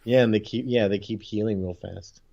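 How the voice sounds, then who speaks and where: A man's voice: on the low side, steady tone, normal speed, creaky, dark tone, lo-fi sound. A man co-hosting a podcast, chatting casually and rambling with lots of fillers and restarts. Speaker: podcast co-host. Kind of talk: casual chat.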